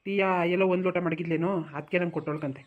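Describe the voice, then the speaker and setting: A woman's voice: on the low side, fairly even intonation, very fast, narrow, tinny audio, natural voice. A woman voicing a weary old village father-in-law in a cartoon, with a rural Mysore-region accent, pleading and placating. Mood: soothing. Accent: rural Mysore-region Kannada. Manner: pleading, placating, keeps saying hush.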